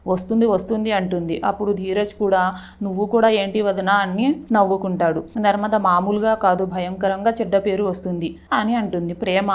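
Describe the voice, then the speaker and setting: Female recapper, mid pitch, chatty retelling of a TV serial with quoted dialogue. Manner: quick retelling with frequent restarts and self-corrections.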